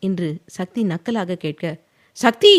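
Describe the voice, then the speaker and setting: A woman narrating a romance audio novel in a steady, even storytelling manner. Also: lowish voice, moderate pace.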